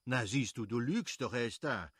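A man voicing a good-natured, effusive middle-aged nobleman who pleads warmly with his brother-in-law. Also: medium pitch, animated, moderate pace, husky, no room sound, clean studio sound. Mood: effusive pleading. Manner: warm, effusive, imploring.

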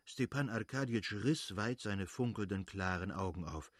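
A man reading a classic novel aloud as an audiobook narrator, in an even, measured way. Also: on the low side, no echo, clean studio sound.

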